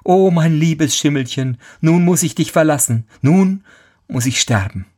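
A man's voice: medium pitch, normal speed, pitched above the performer's own voice, lightly acted. A man playing a faithful young servant who wails and laments in a storybook tale. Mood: lamenting. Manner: wailing, lamenting.

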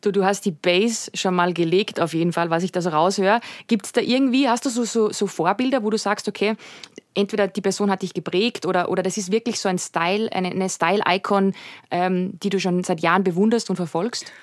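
A woman's voice: mid-range voice, fairly even intonation, brisk, dry recording. Upbeat woman hosting a podcast, dry sound. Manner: warm, affirming, asks questions. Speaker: podcast host. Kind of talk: interviewing.

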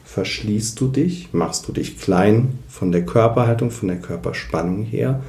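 A man's voice: fairly low pitch, a little slow, gravelly, mellow, roomy sound. A man working as a voice coach and speech therapist, explaining voice technique in an interview and demonstrating as he goes.

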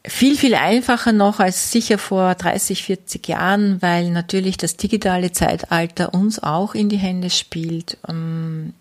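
A woman's voice: on the low side, fairly even intonation, unhurried, hardly any pauses. A middle-aged woman gives a motivational network marketing talk, earnest and repetitive, with many fillers.

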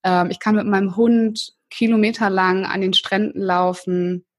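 Speaking at a moderate pace with fairly even intonation, a northern German woman with a mid-range voice talks as a guest on a podcast. She's a career coach, warm and eager, chatting casually with lots of fillers and false starts.

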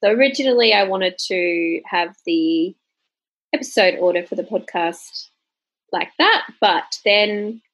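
A woman's voice: mid-range voice, expressive, measured pace, fairly bright tone, no room sound, low-quality recording. A woman in her thirties co-hosting a casual travel podcast, chatty and laughing often, correcting herself mid-sentence. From Australia. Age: 30s. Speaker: podcast co-host.

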